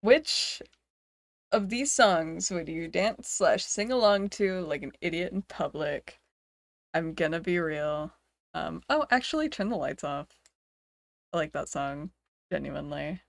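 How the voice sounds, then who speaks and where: Slow, giggly woman streamer chatting. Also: low-pitched, expressive, gravelly, no room sound. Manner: giggly, rambling, self-dramatizing. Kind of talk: casual chat.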